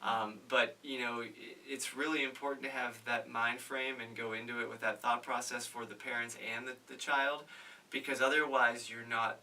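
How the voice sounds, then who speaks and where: A man speaking on a panel about stuttering, earnest and measured, with frequent fillers. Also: mid-range voice, little pitch movement, pushed and bright, far from the mic, low-quality recording. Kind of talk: casual panel discussion.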